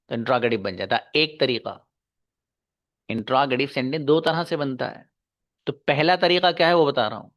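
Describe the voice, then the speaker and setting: A male teacher giving an online English grammar class, patiently repeating key slowly and calling on pupils one by one. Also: on the high side, fairly bright tone.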